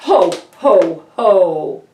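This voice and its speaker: A woman doing a jolly, loud Santa Claus, echoey. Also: high-pitched, expressive, drawn-out words, heavily acted. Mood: jolly, delighted. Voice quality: jolly, hearty. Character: jolly, booming, warm-hearted old Santa Claus. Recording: echoey room, distant mic.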